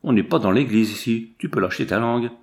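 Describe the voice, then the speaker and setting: A man's voice: mid-range voice, quick pace, close to an everyday voice. A man reading aloud, voicing a young altar boy who chatters and prods with questions. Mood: chatty.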